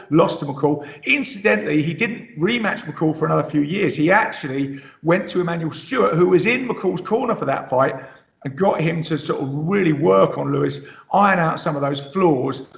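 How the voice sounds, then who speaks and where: Gravelly British-raised man analysing boxing. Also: on the high side, moderate pace. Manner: thoughtful, many fillers and restarts. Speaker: boxing pundit. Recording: roomy, muffled lo-fi sound.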